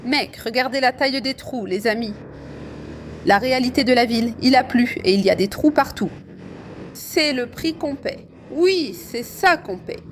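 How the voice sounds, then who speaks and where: A woman with a fairly high voice talks to her viewers while riding a motorcycle through a rainy city. Her delivery is chatty and full of exclamations, aimed at her audience as friends. A faint hum of street and engine noise sits under the voice. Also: animated, normal speed. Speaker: motovlogger. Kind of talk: casual riding commentary. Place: riding a motorcycle outdoors in city traffic in rain.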